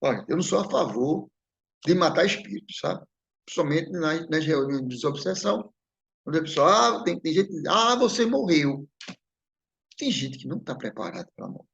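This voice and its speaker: A man's voice: a little high, big pitch swings, brisk, creaky, fairly bright tone, slightly rough, lo-fi sound. A man giving a spiritist lecture, telling a personal story in a conversational way and often checking in with the audience. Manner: conversational, repeats "né?" and addresses the audience.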